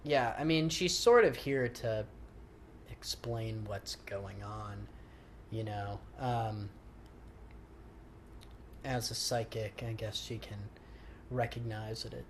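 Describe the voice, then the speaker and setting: A man's voice: on the low side, slow pace, pauses often. Guy doing loose director commentary, kinda rambly, trails off, recorded in a living room w some background noise. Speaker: film director and writer giving audio commentary. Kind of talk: casual film commentary chat. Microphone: handheld portable recorder in the room. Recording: noisy handheld room recording.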